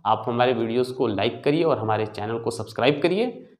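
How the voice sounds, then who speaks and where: A man's voice: mid-range voice, lively intonation, a little fast. A man teaching a maths lesson to children, explaining step by step and asking questions that he answers himself. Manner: explains step by step, checking with "ठीक है बच्चों"; asks the class questions and answers them himself.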